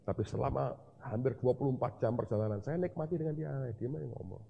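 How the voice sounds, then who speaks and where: A man's voice: medium pitch, brisk, gravelly, lo-fi sound, a little hiss or hum. A man preaching a sermon, telling a personal story and acting out the dialogue, with English words mixed in. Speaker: pastor. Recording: long hall reverb.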